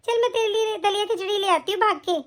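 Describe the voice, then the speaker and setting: A woman's voice: very high-pitched, fairly even intonation. A woman voicing a fussing, doting mother-in-law. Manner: affectionate scolding, brisk instructions. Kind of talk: animated family story voice acting.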